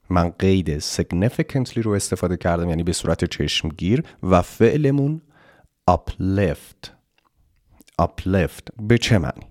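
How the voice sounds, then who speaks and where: A man teaching an English exam lesson, explaining vocabulary and reading English phrases slowly and deliberately. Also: low voice, darkish tone, no room sound, clean studio sound. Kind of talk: online language lesson.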